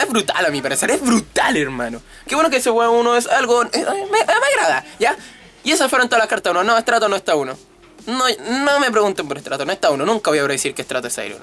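A man's voice: high voice, bright, forceful tone. A young man with a Chilean Spanish accent hosting a card game channel, rambling casually and checking in with a tag question as he talks. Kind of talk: casual vlog commentary.

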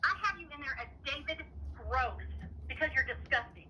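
A woman's voice: high voice, normal speed, pushed and bright, a little hiss or hum. A woman calling in over a phone on speaker, talking in a firm, cold, accusing way as a decoy caller. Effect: heard over a phone on speaker. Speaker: decoy caller for a vigilante group. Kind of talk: confrontational phone call.

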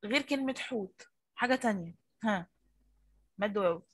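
A woman who teaches primary school coaxes and compliments small children over an online lesson, speaking with an Egyptian Arabic accent and a touch of huskiness. Her medium-pitched voice has lively intonation and a brisk pace, with no echo.

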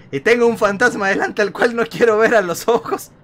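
A man's voice: sits high, moderate pace, a bit bright. A young Mexican man streaming a horror game, panicky and jokey, swearing casually and repeating phrases frantically. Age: young adult. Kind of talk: live gameplay commentary, casual and profane. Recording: clear background game noise.

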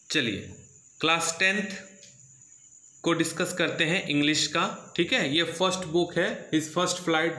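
Bright-voiced man teaching in an echoey room. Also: a little high. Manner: steady, repetitive teaching with frequent "theek hai" check-ins. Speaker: English teacher. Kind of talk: syllabus walkthrough lesson.

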